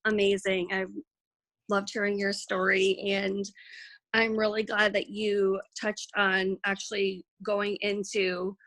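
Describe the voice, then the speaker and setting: Woman, team trainer, chatty, lots of fillers, mid pitch, dry close sound. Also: little pitch movement, takes it slowly, fairly bright tone, dry recording. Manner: chatty, many fillers and restarts; self-described shy and nervous. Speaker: network marketing team trainer. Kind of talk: informal team training talk. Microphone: recorded for a video.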